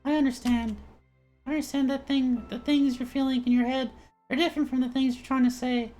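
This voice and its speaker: A man voicing a cheerful, gentle teenage girl in a soothing, eager, high voice while reading a visual novel aloud. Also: flat delivery, brisk, faint music behind.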